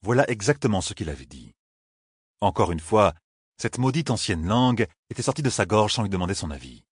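A man narrating a fantasy novel in a measured storytelling manner, with a husky voice. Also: on the low side, very animated, no room sound, studio quality. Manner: measured storytelling, slowing for emphasis. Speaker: audiobook narrator.

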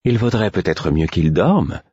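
A man's voice: low voice, lively intonation, measured pace, dark tone, husky, no room sound, lo-fi sound, heavily acted. A man reading an audiobook voices a pale, anxious male jester, worried and exasperated.

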